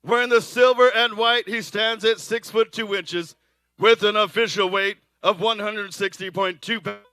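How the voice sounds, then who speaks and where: A man working as a ring announcer, introducing boxing in a theatrical lucha libre announcer manner with drawn-out phrases. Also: high voice, steady tone, bright, forceful tone, smooth. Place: live boxing event.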